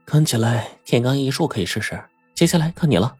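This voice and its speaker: A man's voice: mid-range voice, animated, brisk, darkish tone, husky, dry recording, faint music behind, pitched above the performer's own voice. Man voicing a fiery young woman. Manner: scolding, shifts abruptly from sweet to fierce. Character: young woman, sharp-tongued and quick-tempered. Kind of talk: audiobook character voice.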